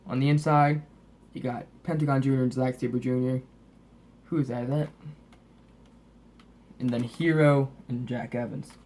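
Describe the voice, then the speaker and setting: A man's voice: mid-range voice, fairly even intonation, normal speed, pauses often, warm tone, a little hiss or hum. A man with a lisp from braces and a slightly sick, sniffly voice, chatting casually and ramblingly as he shows off his collection as a host. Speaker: host of a wrestling DVD collection update. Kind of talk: casual, rambling show-and-tell chat.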